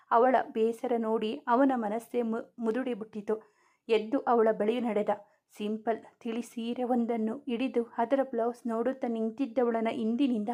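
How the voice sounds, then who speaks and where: A woman's voice: a little high, dark tone. Woman reading a romance story aloud.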